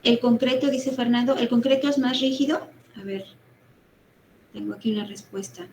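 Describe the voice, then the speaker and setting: A woman lecturer teaches an engineering class online, her voice sitting a little on the high side. She explains patiently, step by step, keeps checking in with quick tag questions and fills her pauses with small hesitation words. A faint hum sits under her voice. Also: steady tone, a little mellow, poor audio. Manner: explanatory, peppers talk with tag questions and fillers. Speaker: university lecturer.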